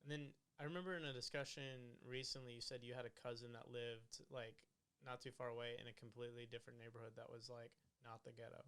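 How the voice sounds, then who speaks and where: A man's voice: mid-range voice, level tone, fast talker, a bit bright, clean tone. A man co-hosting a podcast, asking the guest questions in an easygoing way. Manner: easygoing, asks questions, many fillers. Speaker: podcast co-host. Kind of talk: casual podcast chat.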